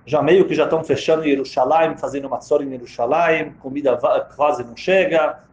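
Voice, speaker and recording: A man with a high voice tells a story as a sermon, stressing and repeating key phrases. The sound is roomy and slightly muffled, as in a reverberant space. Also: steady tone, a little fast, a little mellow. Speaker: preacher telling a story.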